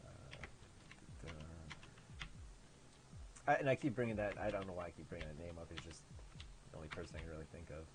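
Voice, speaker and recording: Low-voiced Midwestern game developer, nasal, sardonic and self-mocking while playing his own game, faint keyboard clicks behind. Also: lively intonation, brisk, long pauses, background noise. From American Midwest. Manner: sarcastic, profane, self-deprecating. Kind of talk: gameplay commentary.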